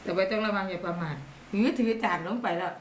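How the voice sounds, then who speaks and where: A woman's voice: medium pitch, fairly even intonation, quick pace. A middle-aged woman with an Isan accent chatting casually on a live stream, thanking viewers and mixing dialect words into her talk. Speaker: livestream seller. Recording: echoey room with background noise.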